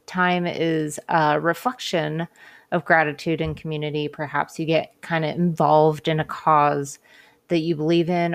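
Low-voiced, unhurried woman reading tarot. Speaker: podcast host and tarot reader. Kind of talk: casual spiritual talk and tarot reading. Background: cards being shuffled at times.

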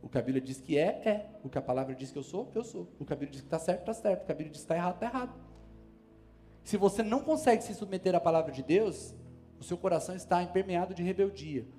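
A man with a fairly high voice preaches in a Brazilian Portuguese accent, pressing each point with emphatic force. His sermon swells toward sudden loud calls. A faint wash of music sits behind him. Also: fast talker. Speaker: pastor. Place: church service.

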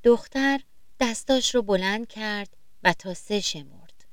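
A woman narrating a children's story gently and expressively, sometimes speaking straight to the young listeners. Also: mid-range voice, dry recording.

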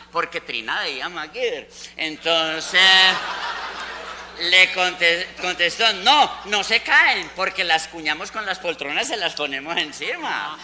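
A man's voice: sits high, pushed and bright, a little hiss or hum, full character voice. A man playing a gossipy old Antioquian woman who tells a comic tale, chatty and wry, with an Antioquian accent. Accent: Antioquian Colombian. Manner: chatty, wry, lots of mock-quoted dialogue. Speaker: comic storyteller. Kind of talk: comic stage monologue. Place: school fair stage.

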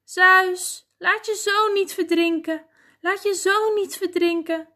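A woman's voice: extremely high pitch, fairly even intonation, slow pace, pushed and bright, voice pushed up, full character voice. A woman voicing a desperate pleading princess. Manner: pleading, breathless prayer. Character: young princess and mother, desperate.

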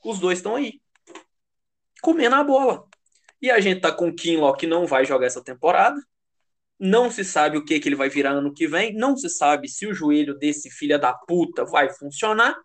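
A man with a high-pitched voice and a Brazilian Portuguese accent talks sports casually and heatedly. He is slangy and emphatic, swears freely and repeats phrases to drive his point home. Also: lively intonation, fairly quick, a bit bright. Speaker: American football fan commentator.

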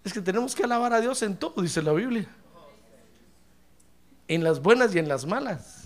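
A man preaching a sermon to his congregation, addressing them directly and breaking into loud shouted praise. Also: high-pitched, expressive, normal speed.

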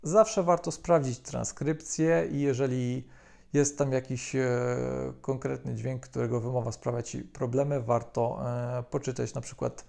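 A man calmly explaining a language topic as a video lesson, with frequent hesitation fillers. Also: medium pitch, unhurried, gravelly. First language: Polish. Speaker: language teacher.

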